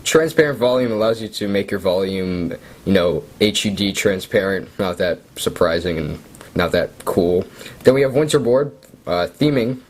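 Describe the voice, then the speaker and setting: A young man casually walking through his device setup, relaxed and chatty with self-deprecating asides. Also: deep voice, moderate pace, a little hiss or hum. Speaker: tech video creator. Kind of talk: casual screen-recorded walkthrough.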